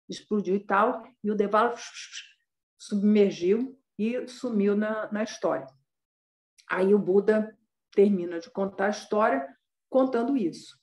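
A woman's voice: medium pitch, echoey room. A woman, a dharma teacher conversationally retelling a Buddhist story with frequent filler tags.

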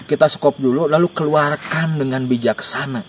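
A young man giving joking, animated camping tips outdoors in a dark forest at night, recorded by a camera a few steps away. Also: fairly high pitch, normal speed, a little hiss or hum. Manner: joking, animated, gestures while talking. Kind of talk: casual outdoor interview. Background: faint insects and crickets.

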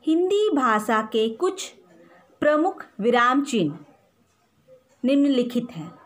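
A woman teacher with an Indian accent giving a slow, deliberate grammar lesson for young children. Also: sits high, big pitch swings. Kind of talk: recorded online grammar lesson.

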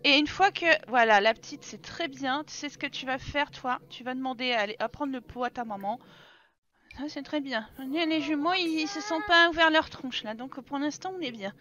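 High, bright, exasperated French woman gamer. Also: normal speed, lo-fi sound. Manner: exasperated, swearing, laughing, talks to her characters. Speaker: let's play host. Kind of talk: casual gaming commentary.

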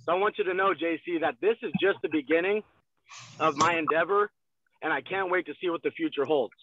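Energetic young man on a video call. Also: a little high, fairly quick. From Texas. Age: 20s. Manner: energetic, gestures a lot, repeats phrases. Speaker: guest salesman. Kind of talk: motivational sales talk. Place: in a parked car. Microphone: phone on a video call. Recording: thin phone-like video call audio.

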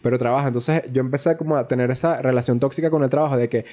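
A young man, co-hosting a podcast and telling a personal story in a casual, animated, swear-filled way. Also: medium pitch, rapid-fire. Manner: animated, profane, acts out quoted dialogue. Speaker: podcast co-host.

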